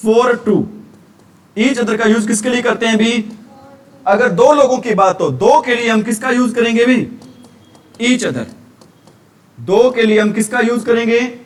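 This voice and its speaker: A man from India leads a grammar revision lecture in a strikingly high voice. He keeps asking questions and answering them himself. The mic sits some distance away. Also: measured pace, long pauses. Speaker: teacher.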